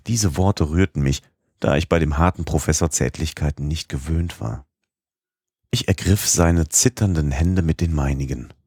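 A man reads a classic adventure novel aloud with a very deep, husky voice. His delivery is expressive and lifts into the dialogue. The recording is close and dry, with no room sound. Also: moderate pace, no echo. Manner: expressive reading, voicing the dialogue. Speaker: audiobook narrator. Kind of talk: scripted narration of a classic novel.

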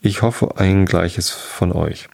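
A man's voice: low-pitched, steady tone, slow pace, creaky, darkish tone, full character voice. A man voicing a hapless, tipsy countryman in a folk tale, fawning and flowery in his politeness.

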